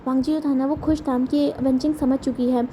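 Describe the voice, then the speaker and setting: A woman with a high voice and a dark, mellow tone narrates a fan-fiction story in a loose, chatty way. She repeats herself and corrects slips as she goes. A faint hiss sits under the recording. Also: level tone, a little fast. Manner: chatty, repetitive, self-correcting. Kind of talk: casual fan-fiction retelling.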